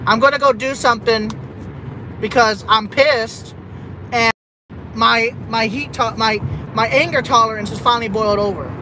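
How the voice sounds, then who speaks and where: A man's voice: very high voice, moderate pace. A man from Texas, live streaming from his car while driving at night, rambling and repeating himself as he vents half-jokingly. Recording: road noise from a moving car. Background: engine and road noise.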